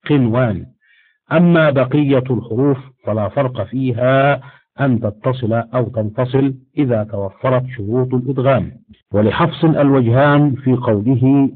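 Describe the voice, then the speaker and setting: A man of middle pitch reads a recitation lesson in a steady, explanatory manner. He slows down whenever he recites the example words. The audio is narrow and tinny, as over a phone line. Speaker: Quran recitation teacher. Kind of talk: read-aloud tajweed lesson.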